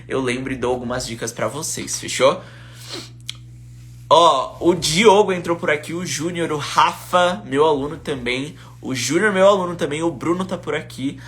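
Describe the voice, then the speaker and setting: A young Brazilian man, an English teacher, chatting casually on a live stream, reading out viewer comments in a relaxed, slangy way. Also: a little high. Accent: Brazilian Portuguese. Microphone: phone.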